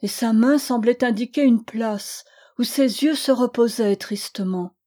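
A woman reading a classic novel aloud in an expressive, theatrical manner, slowing down for emphatic passages. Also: a little high. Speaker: audiobook reader. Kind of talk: dramatic reading of a 19th-century novel.

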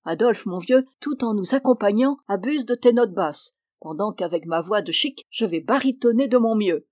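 An eager, generous young male music student, as a woman reading the story puts him on. He talks in a lively, raised voice that rallies his friends. The recording is dry, with no room sound. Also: mid-range voice, normal speed, no echo, lightly acted. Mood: rousing.

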